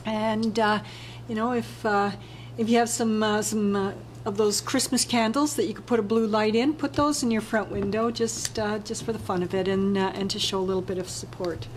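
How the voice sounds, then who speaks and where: A woman chairs a town council meeting, talking through the agenda in a relaxed, halting way full of fillers and restarts. Her voice sits in a middle pitch. A faint hiss runs under the recording. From Canada. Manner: hesitant, many fillers, chatty aside. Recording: faint noise, council chamber.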